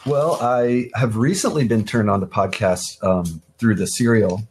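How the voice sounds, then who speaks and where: A man's voice: lowish voice, measured pace, a little hiss or hum. A man, an art director, chatting casually as a podcast guest, rambling with frequent restarts and easy laughter. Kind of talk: casual chat.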